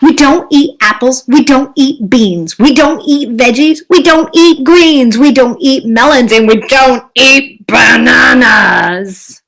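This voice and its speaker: A woman's voice: high voice, takes it slowly, vocal fry, few pauses, fairly bright tone, pitched above the performer's own voice, exaggerated voice, poor audio. A woman reading aloud and voicing a group of grumpy piranhas who insist on what they eat. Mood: exasperated. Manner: exasperated, insistent.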